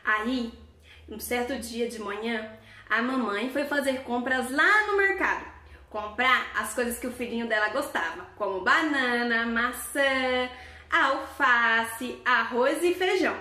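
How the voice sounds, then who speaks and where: A woman preschool teacher telling a story to young children in a lively, sing-song way. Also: fairly high pitch, unhurried. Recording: echoey room.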